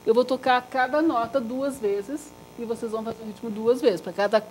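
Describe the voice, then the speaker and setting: A woman teacher leading a live Suzuki violin workshop, lively and demonstrative, chanting body parts in rhythm with the group. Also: moderate pace, slight background noise. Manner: lively and demonstrative, drops to a soft low voice to make a point. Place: workshop room with a group of students.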